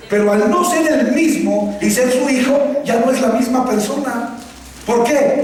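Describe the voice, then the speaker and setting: An extremely high-pitched male voice with a darkish tone delivers a sermon, questioning the congregation and calling on them to repeat after him. The recording comes from an echoey hall, with the voice distant and faint ambience around it.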